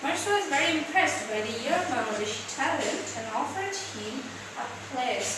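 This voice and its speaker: A woman's voice: high-pitched, expressive, normal speed. A woman teacher with a Bengali accent and Bengali as her native language, giving an English lesson, reading aloud and explaining word by word with questions and repeated key words. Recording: very echoey room, distant mic, loud noise.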